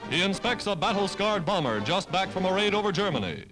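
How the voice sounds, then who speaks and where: A man narrating an old 1940s wartime newsreel in a brisk, dramatic announcer manner. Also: high-pitched, sing-song, loud music behind the voice.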